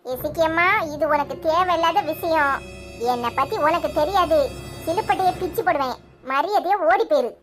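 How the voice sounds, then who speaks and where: A woman voicing a bossy, sharp-tongued old grandmother in a cartoon, with a Tirunelveli Tamil accent. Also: very high-pitched, normal speed, soft background music. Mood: threatening. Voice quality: harsh, sharp-tongued scolding. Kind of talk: cartoon voice acting.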